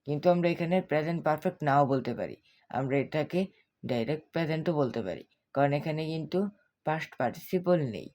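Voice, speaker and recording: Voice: mid-range voice, brisk, a little mellow. A language teacher giving a spoken lesson, repeating words and spelling them out letter by letter while quizzing the viewers. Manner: repetitive, drilling pronunciation. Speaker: English teacher.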